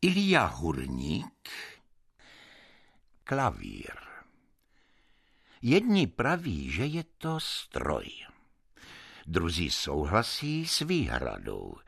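A man giving an expressive literary reading with dramatic, sweeping intonation. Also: deep voice, creaky, long pauses, husky. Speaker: reader.

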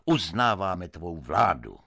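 A man voicing a polite male spaceship commander who speaks briskly and courteously, in a radio story reading. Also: sits low, big pitch swings, vocal fry, bright, forceful tone, breathy edge, no echo, clean studio sound, full character voice.

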